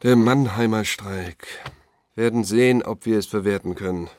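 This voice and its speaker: A man's voice: on the low side, normal speed, a little mellow, a little hiss or hum, lightly acted. A man voicing an amused, condescending middle-aged male newspaper editor who talks with smug, mocking ease, in an audiobook.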